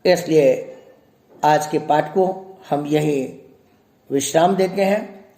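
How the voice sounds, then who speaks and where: A man, a grammar professor, giving a measured recorded lecture and reciting rules slowly. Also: on the high side, mellow. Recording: echoey room.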